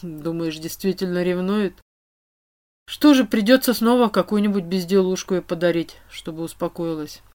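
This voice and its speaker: A woman voicing a weary, tender middle-aged king who speaks low and tired. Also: normal speed, darkish tone, natural voice. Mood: gentle.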